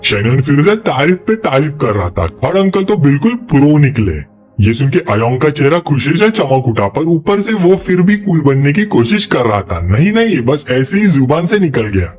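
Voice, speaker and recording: A man's voice: on the high side, moderate pace. A man narrating a drama recap in a storytelling manner. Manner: storytelling, lively. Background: faint music.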